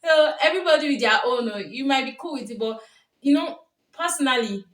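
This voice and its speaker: Telling chatty stories and handing out casual relationship advice, a young Nigerian woman with a Nigerian accent laughs frequently as she talks to camera; she speaks Yoruba and works as a vlogger and coach. Her high, fairly bright voice is expressive and fairly quick. It was recorded from a distance in a roomy space.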